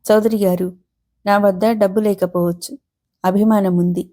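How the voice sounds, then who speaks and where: A woman voicing a principled middle-aged male lecturer with a proud, earnest manner, read from a storybook in her own mellow voice. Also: medium pitch, fairly even intonation, normal speed, natural voice. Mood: indignant.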